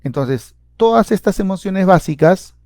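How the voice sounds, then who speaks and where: A clinical psychologist gives a seminar lecture, walking through ideas step by step, repeating words and using lots of "eh" fillers. His voice is high-pitched, animated and darkish at a measured pace, recorded cleanly in a studio with no room sound.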